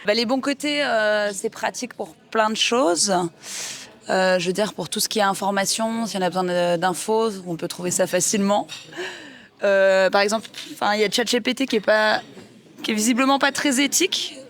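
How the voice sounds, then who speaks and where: A woman's voice: medium pitch, normal speed. A woman giving a casual, unscripted interview answer in an explanatory, conversational way.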